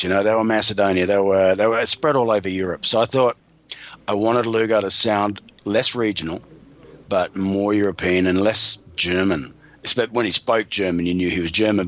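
A man's voice: low voice, fairly bright tone. A man being interviewed as an actor guest, telling emphatic stories in a casual chat.

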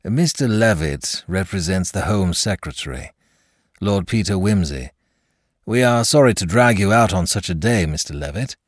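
A man's voice: sits low, lively intonation, moderate pace, no room sound, studio quality. A man voicing a formal, courteous police inspector making introductions, in an audiobook reading.

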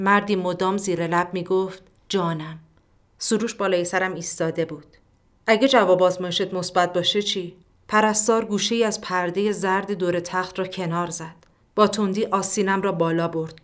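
A woman reading a literary short story aloud as narrator, in a calm, measured way that turns quiet for inner thoughts. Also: on the low side.

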